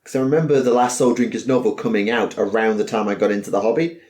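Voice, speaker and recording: A man's voice: fairly low pitch, steady tone, fast, darkish tone. A man chatting casually on a podcast panel, rambling and self-deprecating, swearing now and then. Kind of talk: casual chat.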